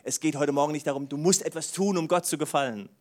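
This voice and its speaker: A man preaching a sermon, animated, moving between soft asides and loud bursts, often exclaiming "wow". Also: on the high side, fast talker. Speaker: pastor.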